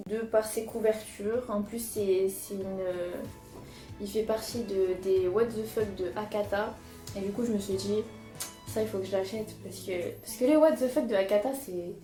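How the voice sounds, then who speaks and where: A woman's voice: medium pitch, dark tone. Chatty young Frenchwoman in an echoey room. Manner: chatty, hesitant, many fillers and restarts. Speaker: manga vlogger. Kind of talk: casual chat showing purchases. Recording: echoey room with music behind.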